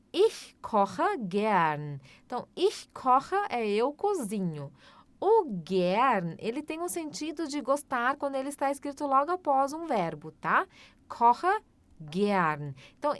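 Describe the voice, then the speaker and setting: A woman, teaching German in a slow, patient language lesson and repeating each phrase. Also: high-pitched, no room sound. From Brazil.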